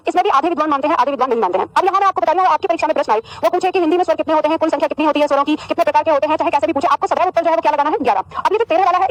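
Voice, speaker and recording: Fast, high-voiced woman teaching grammar. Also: low-quality recording. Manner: addresses students as "beta", repeats phrases for dictation; asks questions and answers them herself. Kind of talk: classroom lesson with dictation.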